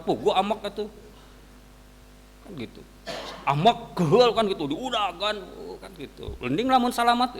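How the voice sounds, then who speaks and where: Sundanese guy preaching at dawn, animated, acts out little stories, echoey hall. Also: high voice, a little hiss or hum. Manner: animated storytelling, mixing casual asides and quick sound words. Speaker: religious teacher. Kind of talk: dawn sermon to students. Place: mosque hall.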